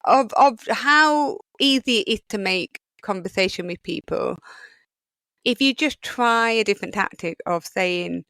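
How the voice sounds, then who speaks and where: Brief: Yorkshire woman podcast host, middle-aged, smooth resonant voice, rambling and chatty, close dry mic. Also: medium pitch, a little slow, bright, forceful tone, no echo. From England. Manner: chatty, rambling, many fillers. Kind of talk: solo podcast monologue.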